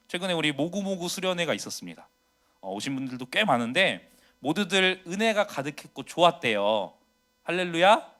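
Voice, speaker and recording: A man in his thirties, a pastor preaching a confessional sermon, swinging from loud to hushed. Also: sits high.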